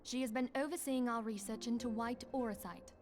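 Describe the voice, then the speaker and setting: An actress voicing a courteous, dignified leader in a video game, speaking formally and politely over music. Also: female voice, a little high, steady tone, a little fast, a little mellow, close to an everyday voice. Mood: formal, composed.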